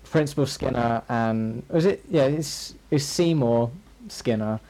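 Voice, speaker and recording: A man's voice: mid-range voice, a little slow, warm tone, poor audio. A man co-hosting a podcast, chatting casually with lots of ums and restarts. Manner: rambling, hesitant, fillers. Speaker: podcast co-host. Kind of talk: casual chat.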